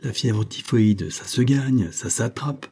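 A man's voice: mid-range voice, slow, dark tone, breathy edge. A man voicing a scheming woman who is dismayed and fretful, speaking in exclamations and slang, in an audiobook. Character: scheming woman, frightened mother figure.

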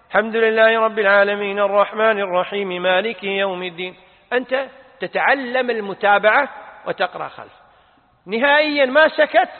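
A man, an Islamic scholar, giving a religious lesson and answering listeners' questions, stressing key points emphatically. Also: high voice. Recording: tinny phone-like sound with long reverb.

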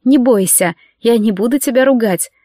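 A woman's voice: a little high, moderate pace, warm tone, dry recording, studio quality, lightly acted. A woman voicing an anxious, devoted young bride-to-be in an audiobook, speaking earnestly with rising feeling.

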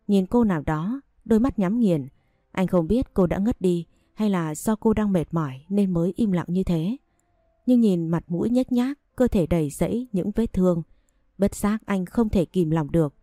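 A woman narrates a family drama in a steady, scripted storytelling voice. Her tone is low and mellow, recorded as a close, dry voice-over with no room around it. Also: dry recording.

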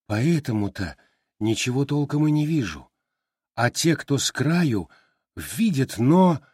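A man voicing a trapped, bewildered man who reasons aloud in a husky, thoughtful voice. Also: medium pitch, very animated, takes it slowly, a little mellow, no room sound, studio quality, full character voice. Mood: musing.

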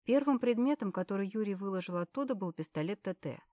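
A woman narrating an audiobook in an even storytelling manner. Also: mid-range voice, fast, no room sound, clean studio sound.

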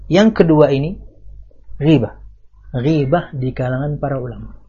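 A man teaching a religious study lecture. He reads classical Arabic text, then explains it in lively casual talk with rhetorical questions. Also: a little high. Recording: dull lo-fi audio recording.

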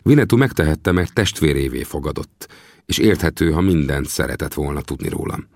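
Man, audiobook narrator, measured storytelling, gravelly, dry close studio sound. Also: a bass voice, expressive, darkish tone, dry recording. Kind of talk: scripted first-person narration.

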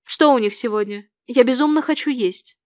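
Woman putting on a brusque middle-aged school nurse, curt and matter-of-fact, storybook reading, voice pitched a little lower and slower than the narration, dry close sound. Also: a little mellow, dry recording, close to an everyday voice. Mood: hungry.

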